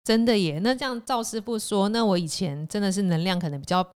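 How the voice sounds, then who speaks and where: A woman, a guest in a casual chat, responding in quick, lively reactions. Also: medium pitch, clean tone.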